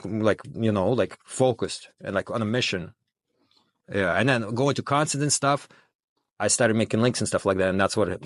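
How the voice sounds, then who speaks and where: A Russian-born documentary filmmaker, appearing as a guest, chats casually in an interview with a lowish, fairly bright voice. He rambles, restarting often and repeating filler like "you know what I'm saying." The audio is clean studio sound with no room echo.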